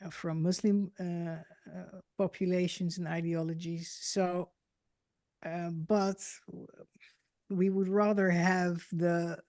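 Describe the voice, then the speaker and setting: A Dutch woman host speaks slowly in a lowish voice, pausing with many fillers and restarts. The recording is dry and close. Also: level tone, dark tone, dry recording. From Netherlands. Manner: hesitant, filler-heavy phrasing. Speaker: podcast host. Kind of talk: interview conversation.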